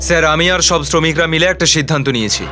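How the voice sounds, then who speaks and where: A man's voice: on the high side, racing, over music, natural voice. An actor playing a bossy, impatient construction site foreman in a TV crime drama, speaking urgently and emphatically. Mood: firm, aggrieved.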